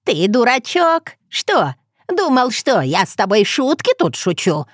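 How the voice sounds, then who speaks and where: Woman putting on a creaky mocking old witch. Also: mid-range voice, very animated, measured pace, dry recording, studio quality. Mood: scornful. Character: sly hunched ancient village witch woman.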